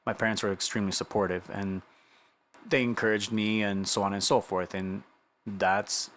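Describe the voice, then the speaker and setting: This middle-aged man, Romanian-born and living in the United States since he was nine, gives a personal testimony for his vlog. His fairly low, fairly bright voice holds a level tone at a normal speed, and his chatty delivery leans on "you know" and rhetorical questions.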